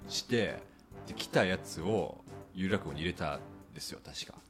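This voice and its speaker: A man with a lowish voice trades casual podcast talk, full of quick agreeing fillers and laughs. His pitch moves around a lot, and faint music sits in the background. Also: animated. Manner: chatty, lots of agreeing fillers, laughs often. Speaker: podcast co-host. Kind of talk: casual chat. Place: rental room, recorded in person.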